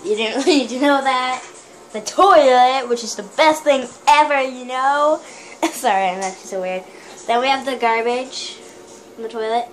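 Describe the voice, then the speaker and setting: A young woman with a high voice, speaking at a normal speed, gives a rambling, giggly tour of her small house, showing the kitchen and bathroom. It's shot on a handheld phone camera, so the home video is noisy, with soft music playing in the background.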